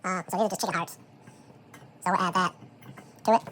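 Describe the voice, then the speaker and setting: A home cook talking through a how-to while preparing food, relaxed and thinking aloud with frequent fillers, played back as a sped-up chipmunk voice. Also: slight background noise. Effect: sped-up chipmunk voice, high and fast. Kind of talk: casual how-to commentary while working.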